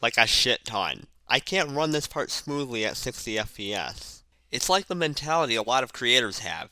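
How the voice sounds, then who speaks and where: A man's voice: medium pitch, sing-song, moderate pace, pushed and bright, no echo. A man with a lisp and odd emphasis on random words, narrating a casual, sardonic, sweary video essay into a headset mic. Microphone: cheap headset mic.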